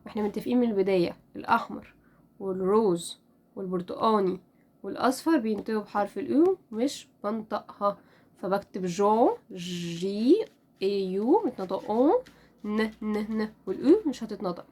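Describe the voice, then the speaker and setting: A woman with an Egyptian Arabic accent teaching French pronunciation in a casual lesson, spelling out letters and repeating each word slowly. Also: mid-range voice, expressive, a little mellow. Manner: drills words slowly, repeating each one.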